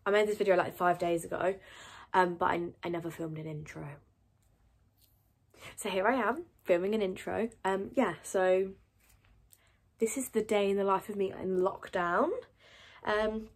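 A young woman vlogging casually at home, chatty and rambling, poking fun at herself and dropping into soft whispery asides. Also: medium pitch, steady tone, normal speed, pauses often. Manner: chatty, rambling, self-mocking. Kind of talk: casual vlog chat.

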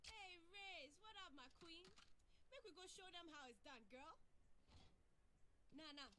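Bold and swaggering, this female game agent fires off teasing callouts in a very high voice that leaps up and down. The game audio sits under a clear layer of noise. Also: lively intonation, a little slow. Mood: cocky. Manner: breezy, teasing, upbeat battle callouts.

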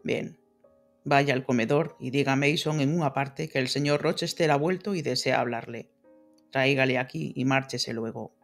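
A man voicing a stern, brooding gentleman who is master of the house, speaking in terse, commanding questions in an audiobook reading. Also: mid-range voice, moderate pace, gravelly, soft background music. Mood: probing.

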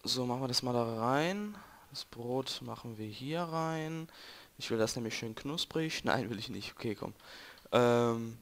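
A man's voice: mid-range voice, expressive, measured pace. A young man with a German accent, chatting and joking to viewers while playing a game. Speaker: let's play gamer. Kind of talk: casual gameplay commentary. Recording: noisy home recording.

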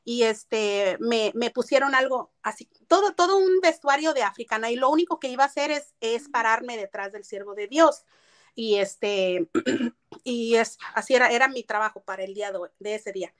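A woman recounts her past to an interviewer in an earnest, storytelling way. Her voice sits a little high, and she drops English phrases into her speech. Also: moderate pace, a bit bright. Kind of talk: personal testimony in an interview.

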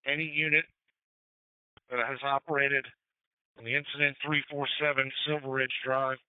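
Crisp male dispatcher over crackly radio. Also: mid-range voice, flat delivery, normal speed, no room sound. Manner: formal, procedural. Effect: crackly two-way radio. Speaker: emergency dispatcher. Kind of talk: emergency radio dispatch announcements. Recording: phone-like crackly radio scanner audio.

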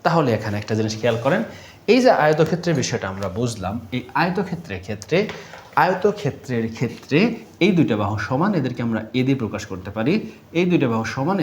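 A man's voice: mid-range voice, darkish tone, echoey room. A man teaching a math lesson patiently, repeating key terms and asking questions before he answers them. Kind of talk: classroom-style math lesson.

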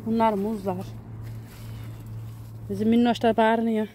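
A woman's voice: a little high, level tone, a little slow, mellow, a little hiss or hum. A woman vlogger and mother walking through her country garden, chatting to viewers and her small daughter, recorded on a handheld camera. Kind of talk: casual garden tour vlog. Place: outdoor home garden in the countryside near a mountain.

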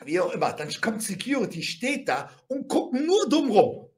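Animated high-voiced man telling a brawl story. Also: moderate pace. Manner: animated and blunt, crude slang, constant tag questions, vocal sound effects. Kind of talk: casual spoken anecdote.

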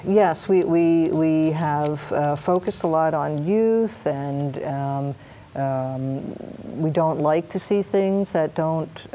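A middle-aged woman, a hospice nurse educator, answering interview questions in a soft, halting, hesitant way. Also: on the low side, a little hiss or hum. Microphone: lapel mic.

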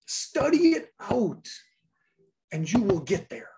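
A woman's voice: medium pitch, sing-song, slow, dark tone. A woman pastor giving a sermon, reading scripture aloud and repeating key lines for emphasis.

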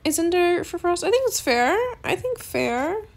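High, bubbly woman narrating gameplay. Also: big pitch swings, moderate pace. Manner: bubbly, giggly, playfully melodramatic. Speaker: gaming channel host. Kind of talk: casual game commentary.

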